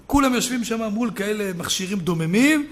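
A man preaching a sermon as a rabbi, telling stories and building up to loud shouted peaks. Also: sits high, expressive.

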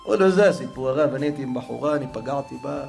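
A man telling a religious story as a preacher, dramatically swinging from hushed murmurs to raised, emotional exclamations. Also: medium pitch, creaky, soft background music.

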